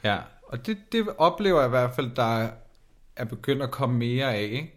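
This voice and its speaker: A man's voice: medium pitch, lively intonation. A man in casual podcast chat, co-hosting in a playful, teasing way. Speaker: podcast co-host.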